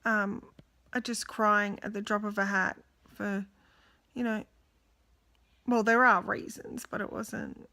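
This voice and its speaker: A woman's voice: medium pitch, flat delivery, slow pace, long pauses, bright, forceful tone. A young adult woman, talking candidly and tiredly in a casual video diary, exhausted and emotional. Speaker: vlogger.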